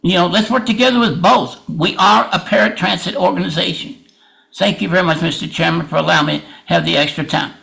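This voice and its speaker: A man's voice: high-pitched, fairly even intonation, brisk, creaky, pushed and bright, low-quality recording. A man making an impassioned public comment at a meeting, plain-spoken and emphatic, often repeating himself.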